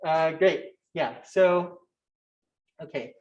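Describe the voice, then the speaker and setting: A young man presenting a physics talk at a conference, his voice sitting a little high. He talks fast and technically, stumbling into restarts and fillers. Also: darkish tone, lo-fi sound. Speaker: conference speaker. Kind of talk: academic talk.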